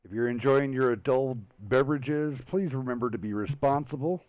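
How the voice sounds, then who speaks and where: A man hosting a weekly online tank match show, calmly announcing players and giveaways. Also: medium pitch, moderate pace, no echo, dull audio. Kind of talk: esports commentary.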